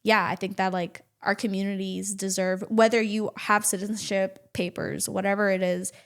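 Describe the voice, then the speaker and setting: Woman podcast guest, middle pitch, animated storyteller with a chatty, filler-heavy delivery. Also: moderate pace, creaky. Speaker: podcast guest, nonprofit advocate and activist. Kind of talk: casual podcast conversation.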